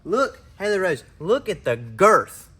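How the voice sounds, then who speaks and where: Fast-talking man hyping a motorcycle build. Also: high voice, breathy edge. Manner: fast, animated, hypes parts and talks to viewers; refers to himself in third person. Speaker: motorcycle builder and channel host. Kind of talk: casual walkaround show-and-tell.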